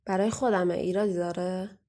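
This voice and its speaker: A woman's voice: fairly low pitch, steady tone, mellow, close to an everyday voice. Sima, woman playing a scornful young waitress. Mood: teasing. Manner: scornful, taunting, bossy. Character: young female waitress, mocking, menacing, secretive. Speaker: guest voice actor. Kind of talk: audio drama acting.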